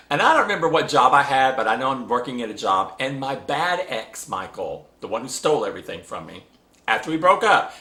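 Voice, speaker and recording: A man in a casual vlog monologue, telling a spiritual dream story, animated and laughing often, with many fillers and restarts. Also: medium pitch, echoey room. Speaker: spiritual vlogger.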